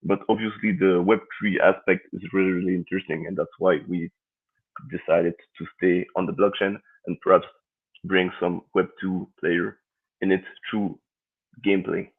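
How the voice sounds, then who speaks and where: Man, game developer panelist, hesitant, deep voice, tinny phone-like sound. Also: flat delivery, moderate pace, slightly rough. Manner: hesitant, many uhs. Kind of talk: online panel discussion.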